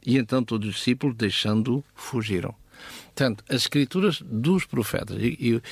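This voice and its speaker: Speaking at a medium pitch with no room sound, a Bible teacher with a European Portuguese accent expounds scripture conversationally. He's halting, pausing often and regularly asking check questions.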